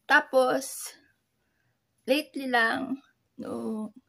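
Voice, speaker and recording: Woman online seller, soft teary-sounding voice, slightly high and breathy, halting casual delivery. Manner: slow, halting, with many fillers. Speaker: online seller sharing tips. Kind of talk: casual vlog talk.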